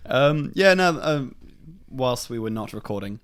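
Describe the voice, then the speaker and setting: A man's voice: medium pitch, animated, measured pace, clean tone. A man co-hosting a podcast in casual chat, joking and teasing his friends. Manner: jokey, teasing, breaks into laughter. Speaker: podcast co-host.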